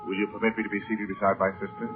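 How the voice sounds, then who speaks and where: A deep-voiced hero of a 1930s radio serial, played by a male actor, a composed magician and protective brother. He speaks in a soothing, measured way. The old recording is muffled, with music clearly behind him. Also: level tone, lightly acted. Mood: polite, firm.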